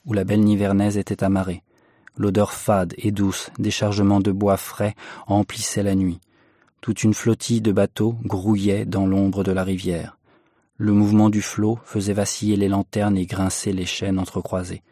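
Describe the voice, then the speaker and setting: Low-voiced male audiobook narrator. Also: no room sound, studio quality. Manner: measured, expressive reading. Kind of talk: audiobook reading of a classic novel.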